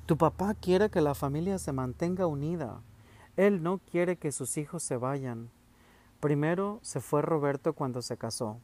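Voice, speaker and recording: A man voicing a gentle, tearful mother. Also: on the high side, unhurried, lightly acted. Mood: gentle consoling. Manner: soft, consoling, pleading.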